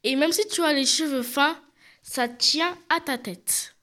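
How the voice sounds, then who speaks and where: A woman's voice: high voice, unhurried, bright, forceful tone. A woman hosting a show, presenting products and talking straight to the viewers. She has a cold and describes each item in detail. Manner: addresses viewers directly, describes items in detail. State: stuffy with a cold, coughing.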